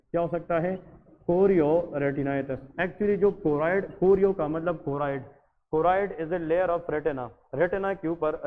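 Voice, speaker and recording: A man gives an exam-focused medical lecture in a fairly high voice, switching between English terms and Hindustani and firing questions at the class before answering them himself. The audio is thin and phone-like. A long reverb trails behind each phrase. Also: slight background noise. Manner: addresses listeners as janab.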